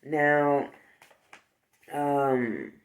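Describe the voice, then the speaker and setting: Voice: medium pitch, fairly even intonation, very slow. A vlogger talking casually to the viewer, rambling and joking, with frequent asides. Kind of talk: casual chat.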